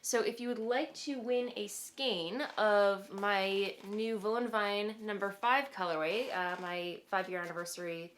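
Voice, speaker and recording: A woman's voice: medium pitch, a little slow, hardly any pauses, fairly bright tone, slight background noise. A woman with a cold and a nasal, congested voice, hosting a knitting podcast in a casual, rambling chat. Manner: chatty and rambling, with fillers and laughs.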